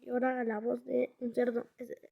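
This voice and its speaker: High halting woman on a tinny line. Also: little pitch movement, gravelly. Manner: halting, restarts often. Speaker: vlogger. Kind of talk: casual chat. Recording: tinny phone-like sound.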